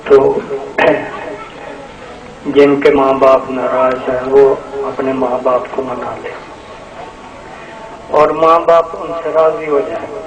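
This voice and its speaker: A man's voice: mid-range voice, fairly even intonation, long pauses, dull audio, a crowd in the background. A man from Pakistan, a spiritual guide, preaching a devotional sermon at a shrine gathering, exhorting his listeners, repeating phrases and asking rhetorical questions. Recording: roomy, distant, noisy live recording.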